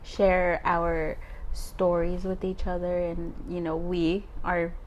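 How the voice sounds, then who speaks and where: A woman's voice: lowish voice, completely flat delivery, slow pace, darkish tone, muffled recording, slight background noise. A woman in her twenties co-hosting a podcast, chatting casually and laughing often between thoughts. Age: 20s. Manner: giggly, chatty, frequent "um" and "like". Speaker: podcast co-host. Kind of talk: casual chat.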